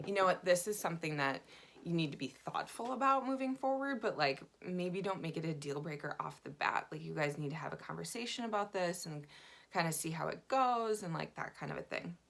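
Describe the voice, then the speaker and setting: A woman vlogger telling a dating story in a chatty, animated way, full of fillers. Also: low voice, brisk, creaky. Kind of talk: casual dating storytelling to camera.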